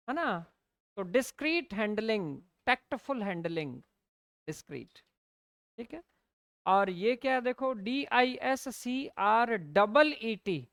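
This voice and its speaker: Lady teacher, hindi mixed in, slow and spelling stuff out, smooth voice, dry close sound. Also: on the high side, dry recording. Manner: explains in Hindi mixed with English, slowly spells out words, asks "है ना?" often. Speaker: English teacher. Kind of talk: classroom lecture.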